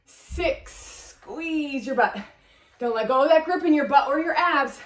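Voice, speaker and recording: A high-pitched woman leads a workout as the instructor, counting reps and calling out form cues in an upbeat way. She exercises along with the class as she talks. Her voice is picked up from some distance in an echoey room. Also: a little slow. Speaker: fitness instructor.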